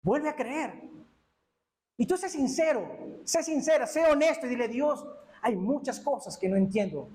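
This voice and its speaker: A male pastor preaching a sermon in a church, impassioned, with sudden drops to a hush. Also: very high voice, lively intonation, normal speed.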